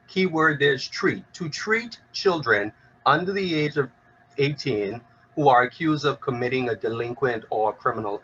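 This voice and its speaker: A man's voice: medium pitch, pushed and bright. Earnest man giving a talk. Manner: earnest, measured, stresses key words. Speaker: child rights lawyer giving a talk. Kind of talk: prepared speech at a law event. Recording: slightly dull recording with faint background noise.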